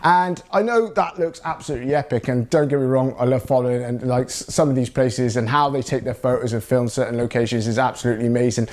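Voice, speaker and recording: A YouTuber and videographer from South England rambles casually to camera, sprinkling in fillers like "you know" and "that lot." He talks fast with few pauses, in a medium-pitched, fairly even, darkish voice.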